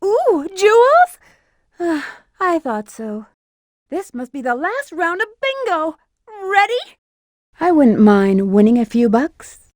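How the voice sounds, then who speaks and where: A sassy, flirtatious female bat treasure hunter for a video game. Her high voice swings animatedly up and down with teasing confidence. The sound is close and dry. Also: huge pitch swings, slow pace, dry recording, exaggerated voice.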